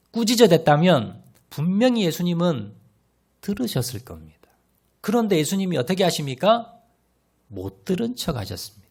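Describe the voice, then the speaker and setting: Male pastor, sermon, lively swooping pitch, fairly high voice, dramatic rise and fall, talks straight to the congregation. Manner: dramatic, swings from loud cries to hushed lines; addresses the congregation directly and often.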